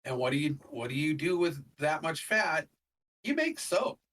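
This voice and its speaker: A man's voice: a little high, moderate pace, a bit bright, recorded from a distance, poor audio. A middle-aged man co-hosting a podcast in casual chat, rambling with lots of fillers. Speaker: podcast co-host.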